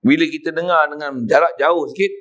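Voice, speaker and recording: A middle-aged Malaysian man teaches a religious text to a congregation in a prayer hall, his voice sitting a little high for a man. He talks in a storytelling way and at times breaks into loud chanted recitation to show how it should sound. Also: fairly even intonation, a little fast. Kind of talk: mosque kitab lesson.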